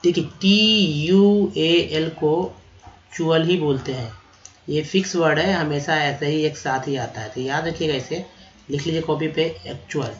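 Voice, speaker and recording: A man teaching vocabulary, spelling words out letter by letter, repeating them slowly and calling his viewers friends. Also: fairly high pitch, dull audio. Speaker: English teacher. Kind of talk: vocabulary lesson.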